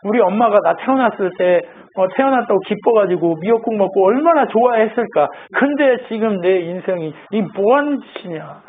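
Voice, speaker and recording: A man's voice: sits high, expressive, moderate pace, hardly any pauses, pitched above the performer's own voice. A man voicing a suffering man who curses his own birth, asking anguished questions. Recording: tinny phone-like sound.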